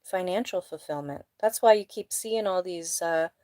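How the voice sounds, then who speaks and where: Blunt, low-voiced woman reading tarot. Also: normal speed, dark tone, no room sound. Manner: blunt, emphatic, conversational. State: sniffly nose. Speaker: tarot reader. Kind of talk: casual live tarot reading. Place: indoors at home.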